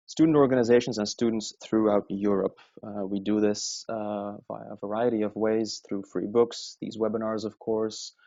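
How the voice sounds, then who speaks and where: A man's voice: on the low side, mellow, no room sound. A man moderating a webinar, introducing the organization and the speaker in a friendly, loose way with many fillers. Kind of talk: event introduction. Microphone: computer mic on a webinar call. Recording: dry, dull webinar audio.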